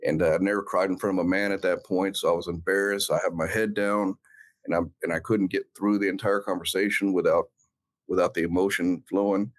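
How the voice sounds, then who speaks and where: A middle-aged man, an interview guest, telling a personal story in an earnest, reflective way with frequent pauses and restarts. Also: deep voice, level tone. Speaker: interview guest, founder of a law enforcement brand.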